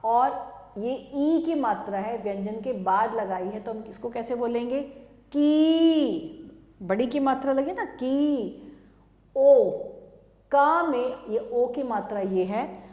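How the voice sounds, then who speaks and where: A woman teacher speaks at a very slow, patient pace in a somewhat high voice, stretching out each sound for young pupils. She calls the example words out louder than the rest. The lesson is recorded in an echoey room with a long reverb tail. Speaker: primary school Hindi teacher.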